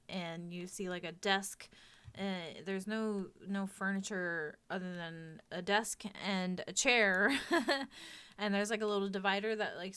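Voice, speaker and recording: A woman narrating as game master of a tabletop game, laughing often and filling pauses with ums. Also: lowish voice, bright, forceful tone, clean tone. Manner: laughs often, many fillers.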